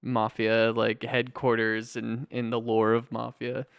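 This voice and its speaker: A man's voice: medium pitch, completely flat delivery, unhurried, vocal fry, smooth, dry recording, lo-fi sound. A man co-hosting a podcast, casually discussing a movie and agreeing easily with his co-host. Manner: easygoing, lots of agreeing and laughing along.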